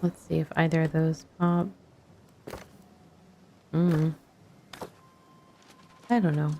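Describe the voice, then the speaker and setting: Slow, flat and dark-toned, a woman's low-pitched voice comes through with slight background noise. She's a streamer playing an online fantasy game, musing to herself in short fragments of casual chat over music.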